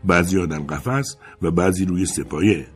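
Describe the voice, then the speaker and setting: A man narrating an audiobook in a calm, measured storytelling manner. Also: sits low, faint music behind. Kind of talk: scripted narration.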